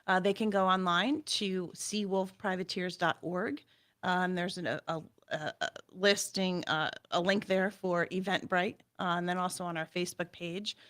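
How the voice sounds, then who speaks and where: A woman guest on a radio interview, calmly explaining event details and the cause behind it. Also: fairly low pitch, normal speed. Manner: steady, explanatory, gives details.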